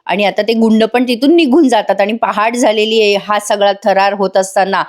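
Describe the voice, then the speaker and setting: A woman gives a chatty voice-over recap of a TV serial, speaking directly to her viewers as a serial reviewer. Her voice sits in the mid range and moves at a moderate pace.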